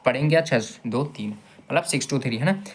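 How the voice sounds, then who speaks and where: Guy teaching maths slowly, repeats steps, keeps asking the kids stuff. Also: mid-range voice. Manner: patient, repeats steps and asks the class questions. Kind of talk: step-by-step maths lesson.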